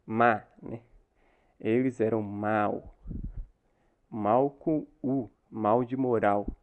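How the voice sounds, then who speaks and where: Over phone-quality audio, a man with a lowish, fairly evenly intoned voice speaks very slowly as he gives a Bible lesson to new converts. He's a church teacher with a Brazilian Portuguese accent, explaining patiently and often finishing phrases with a questioning "né?"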